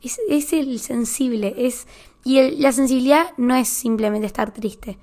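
A young woman with an Argentine accent, speaking in an earnest, open monologue, often pausing with fillers and restarting her sentences. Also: high voice, dark tone. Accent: Argentine Spanish. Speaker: vlogger. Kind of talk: casual heartfelt monologue.

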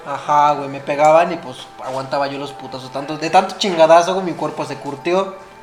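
A man with a Mexican accent and a high voice tells crude school stories, saying güey at every turn. He swears freely in loose podcast chat. The room sounds roomy and music runs underneath. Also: fairly even intonation, a little fast. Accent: Mexican Spanish. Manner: swearing, storytelling, says güey constantly. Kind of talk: casual crude banter.

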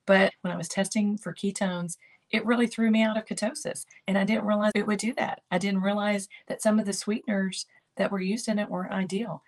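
An older woman hosts a keto lifestyle channel, offering encouraging, motivational talk to camera. She leans on repetitive coaching phrases. Her voice is medium in pitch, steady in tone and brisk.

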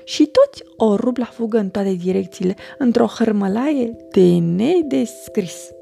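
A woman reading a children's storybook aloud with an expressive, animated delivery. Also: a little high, vocal fry, faint music behind.

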